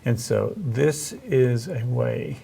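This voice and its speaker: A middle-aged man hosting a casual conversational interview, speaking haltingly as he thinks aloud and rephrases. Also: mid-range voice, creaky, dark tone, slight background noise. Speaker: host interviewing about reading aloud to children.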